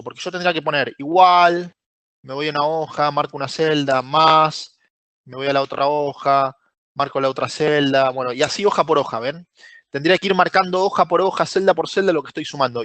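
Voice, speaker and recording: Speaking with a Rioplatense Spanish accent, an Excel course instructor runs a live online spreadsheet class in a fairly high, slightly bright voice on a dry recording. He walks through each step, quizzes students and praises their answers by name.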